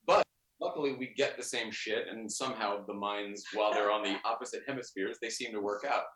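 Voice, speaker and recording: Bright-voiced man in an echoey room. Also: lowish voice, fairly quick. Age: 40s. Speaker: podcast guest. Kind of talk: casual podcast chat.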